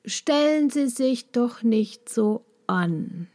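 A woman's voice: fairly high pitch, drawn-out words. Woman voicing a condescending dragonfly lady. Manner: calm, soft, condescending, partly whispered. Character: huge female dragonfly, cold and condescending predator.

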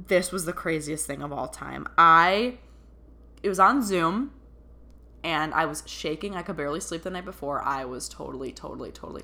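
A young woman in her twenties telling a personal story in a chatty, excitable way, full of fillers. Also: low voice. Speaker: vlogger. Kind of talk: casual storytelling.

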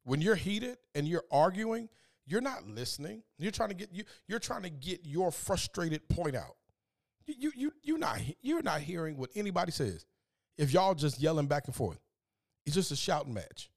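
A man's voice: fairly high pitch, big pitch swings, moderate pace. A man hosting a podcast, giving an earnest, preachy, faith-based motivational talk and repeating words as he gets fired up. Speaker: podcast host.

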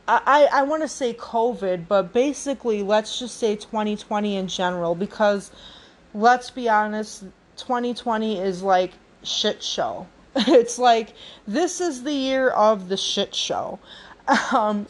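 A woman in her late twenties hosting a podcast alone, talking in a reflective way with many fillers and restarts. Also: a little high. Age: 20s. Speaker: podcast host. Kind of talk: casual solo podcast talk.

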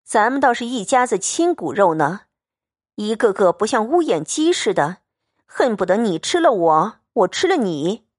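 A woman reading the part of a proud, sharp-tongued young noblewoman who speaks with biting sarcasm in a storybook reading. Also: mid-range voice, expressive, measured pace, dry recording, studio quality. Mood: cutting.

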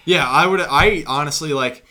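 Sports podcast guy, bright tense voice, blunt and sweary, lots of what's-the-point questions. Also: on the high side, moderate pace. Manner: blunt, profane, rhetorical questions. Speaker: podcast co-host. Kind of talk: casual sports chat.

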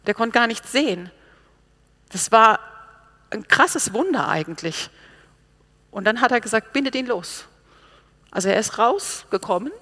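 A woman preaching a sermon, telling stories and acting out the people she quotes with lively pauses and hesitations. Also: on the high side. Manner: lively storytelling, animated quoting of others, with pauses and hesitations.

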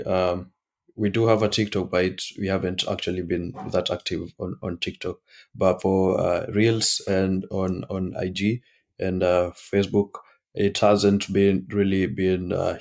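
A man's voice: deep voice, flat delivery, a little slow. A man from Kenya with a Kenyan accent, a startup founder talking hesitantly as a podcast guest. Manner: hesitant, many restarts and fillers. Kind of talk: casual podcast interview.

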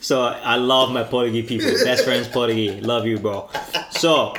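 A man's voice: medium pitch, fairly even intonation, normal speed, fairly bright tone, slight background noise. Local Hawaiian man in a roomy space. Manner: colloquial, with local Pidgin slang. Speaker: podcast co-host. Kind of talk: casual chat. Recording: roomy echo.

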